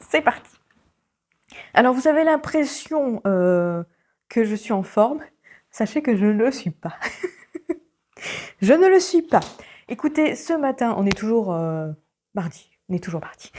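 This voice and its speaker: A woman's voice: mid-range voice, darkish tone. A woman vlogging her day in casual chat, with a sore throat, often dropping to a whisper. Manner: chatty, often drops to a whisper. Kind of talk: casual daily vlog chat.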